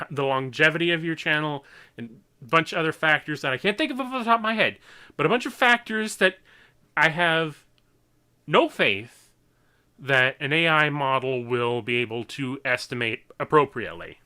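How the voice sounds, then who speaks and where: Young guy ranting unscripted to his viewers, kinda slow n stammery, bright crisp voice, earnest and fed up. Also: a little high, lively intonation. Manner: halting, stammering restarts with repeated words. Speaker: online animator and creator. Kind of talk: unscripted opinion vlog.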